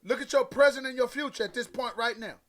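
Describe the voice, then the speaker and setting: Very high-voiced man preaching emphatically. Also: fast, a bit bright. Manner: emphatic, repetitive preaching with direct address to listeners; conversational, folksy phrasing. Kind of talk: motivational sermon.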